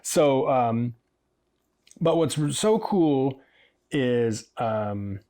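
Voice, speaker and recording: A man's voice: medium pitch, lively intonation, drawn-out words, mellow. A man from Washington State, a hairdresser and podcast host, telling stories in a rambling, chatty way, livening up when he quotes people. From Washington State, USA. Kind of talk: casual storytelling monologue.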